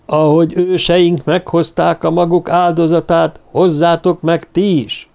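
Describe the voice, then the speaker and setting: A man's voice: a little high, flat delivery, gravelly, darkish tone, voice pushed up. A man reading an audiobook, voicing a fanatical male druid mage who leads a bloody rite with screeching, commanding calls. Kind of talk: audiobook character voice.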